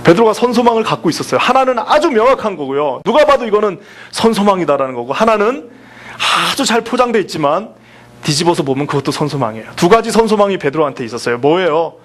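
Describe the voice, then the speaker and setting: Lively Korean pastor preaching with rhetorical questions. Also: male voice, sits high, fast talker. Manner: lively, asks the congregation questions, acts out quotes. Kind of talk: sermon.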